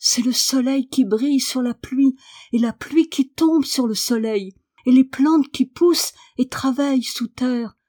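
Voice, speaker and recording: A woman's voice: high voice, measured pace, dark tone, pitched above the performer's own voice. A woman reading an audiobook voices an anxious young girl who pleads breathlessly. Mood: eager.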